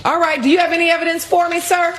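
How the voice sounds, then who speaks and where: A woman's voice: very high voice, level tone, quick pace, fairly bright tone, a little hiss or hum. A woman presiding as a TV court judge, questioning and ruling in a blunt, scolding, commanding way.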